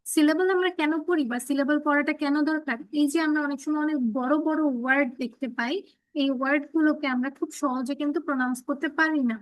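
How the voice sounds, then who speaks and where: Young woman, English teacher, high voice, dry close mic, slow careful definitions, checks on students. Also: fairly even intonation, dry recording, rough recording. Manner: explains in Bengali, reads English definitions very slowly; checks understanding, calls on students. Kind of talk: online class lesson.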